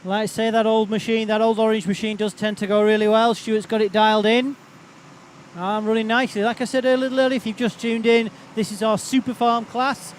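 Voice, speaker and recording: High pitched guy doing tractor pull announcing, chatty waffle, faint engine noise outside. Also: level tone, fairly quick. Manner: chatty, rambling patter. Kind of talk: live unscripted event commentary. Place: outdoors at a tractor pulling event.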